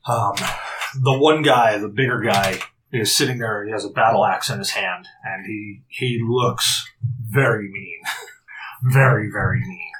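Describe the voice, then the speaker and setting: A man running a tabletop game as game master, describing the scene with halting, filler-laden narration. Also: lowish voice, crowd noise, poor audio.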